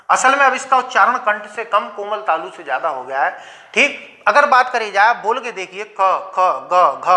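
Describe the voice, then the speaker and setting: Young male grammar teacher, high and bright, explains step by step with his own question-and-answer patter. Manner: asks questions and answers them himself, sounds out letters slowly. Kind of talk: classroom lecture.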